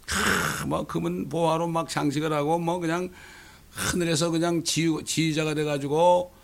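A middle-aged male pastor preaching a sermon, animated, often tossing "eh?" to the congregation. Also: a little high, normal speed, vocal fry. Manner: animated, rhetorical questions, frequent "eh?" asides.

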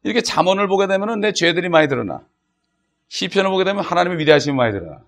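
A man's voice: high voice, animated, racing, a bit bright. A middle-aged man preaching a sermon as a pastor, talking in a conversational way with frequent asides and acting out quoted voices and prayers.

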